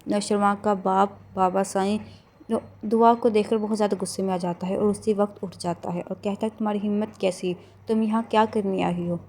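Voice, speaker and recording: Flat-voiced woman recapping a drama. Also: mid-range voice, a little hiss or hum. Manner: steady flat narration with restarts. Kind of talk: casual retelling of a TV drama plot.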